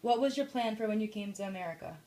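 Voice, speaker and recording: A woman's voice: mid-range voice, fast, dark tone. A woman asking short, direct interview questions.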